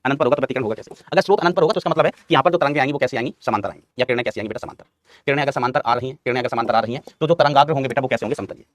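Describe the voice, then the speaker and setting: A man's voice: medium pitch, very fast, no room sound. A male physics teacher giving a classroom lecture, quizzing his students, answering his own questions and repeating key terms, calling them son and brother.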